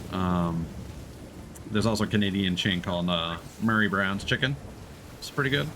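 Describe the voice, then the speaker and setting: A man with a low, slightly bright voice chats and jokes casually while streaming a video game, speaking at a moderate pace in a conversational, somewhat hesitant way. Sea and ship sounds from the game play behind him, along with slight background noise.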